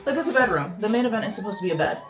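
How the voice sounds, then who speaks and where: A woman's voice: medium pitch, lively intonation, very fast, over music. A young woman vlogging casually in her bedroom, chatty and rambling, often breaking off mid-sentence. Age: young adult. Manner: chatty, rambling, self-interrupting. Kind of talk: casual vlog chat. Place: home bedroom, indoors.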